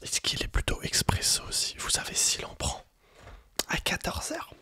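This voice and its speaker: Playing a coffee roastery shopkeeper in an ASMR roleplay, the performer whispers to the listener at normal speed with a sharp tone. Their voice is airy and breathy, and the sales patter sounds hesitant and made up on the spot.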